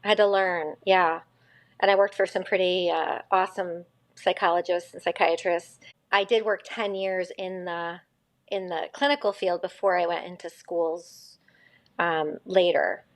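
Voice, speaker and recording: Her voice is fairly low, with fairly even intonation and a measured pace. She's a school psychologist in her fifties from Connecticut, rambling and self-correcting as a guest on a casual podcast interview.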